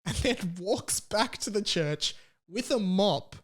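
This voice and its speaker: A podcast host with a high-sitting voice and lively intonation speaks slowly. He relates a personal anecdote casually and for laughs, using repetition, dramatic emphasis and the occasional relaxed swear word.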